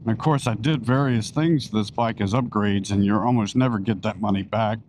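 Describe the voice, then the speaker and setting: A man's voice: on the low side, brisk, darkish tone. A man chatting casually as a motorcycle vlogger while riding, his voice enclosed inside a helmet. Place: outdoors, riding a motorcycle on country back roads. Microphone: microphone inside a helmet. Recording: wind and engine noise, helmet mic.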